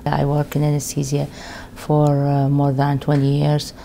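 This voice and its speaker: A woman's voice: low-pitched, monotone, a little slow, gravelly, dark tone, slight background noise. A middle-aged woman from Iraq with an Iraqi accent, speaking hesitantly with many fillers in a documentary interview. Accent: Iraqi Arabic. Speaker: refugee doctor interviewee. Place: indoor room with window.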